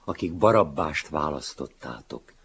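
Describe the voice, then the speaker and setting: A man voicing a gentle, soft-spoken master. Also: a bass voice, lively intonation, lo-fi sound, slight background noise. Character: gentle, calm male master, a teacher figure.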